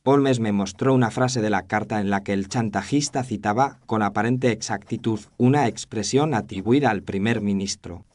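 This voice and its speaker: A man with a fairly low, darkish voice, close to everyday speech, reads scripted narration at a moderate pace with few pauses. As a thoughtful doctor in an audio drama, he reflectively and literarily recounts a case from his memoir.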